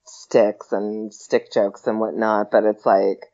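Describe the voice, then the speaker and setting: A man's voice: fairly low pitch, level tone, slow pace, mellow. A man co-hosting a podcast in casual sports banter. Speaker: podcast co-host. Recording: dull lo-fi podcast audio.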